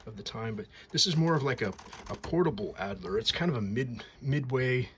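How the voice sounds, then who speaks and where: A man's voice: mid-range voice, lively intonation, a little fast, fairly bright tone, a little hiss or hum. A man casually showing off and explaining a typewriter, rambling and repeating words with enthusiasm. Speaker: typewriter restorer. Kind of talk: casual show-and-tell.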